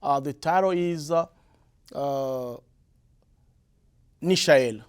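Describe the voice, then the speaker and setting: On the high side with a clean tone, this male musician from the Republic of the Congo speaks in an interview set in a broadcast studio. His first language is Lari, and his answers are hesitant, peppered with fillers and restarts.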